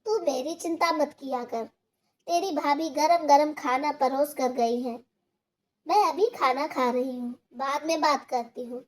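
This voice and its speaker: A woman voicing a gentle, trusting elderly widowed mother in a storybook tale, speaking softly and pleadingly. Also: sits high, unhurried. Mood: reassuring.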